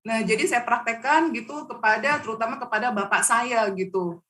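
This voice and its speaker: A woman's voice: on the high side, normal speed, fairly bright tone, far from the mic. A woman who is a guest on a talk show, earnestly telling a personal story. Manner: earnest, laughs between phrases.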